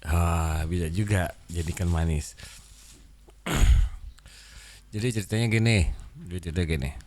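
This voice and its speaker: A man's voice: low-pitched, measured pace, darkish tone, slight background noise. A man chatting casually to camera, rambling in slang and bantering with a child nearby. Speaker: content creator.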